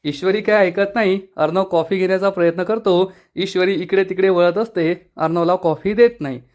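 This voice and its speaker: A man narrating an episode recap with brisk storytelling. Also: high-pitched, fairly even intonation, darkish tone.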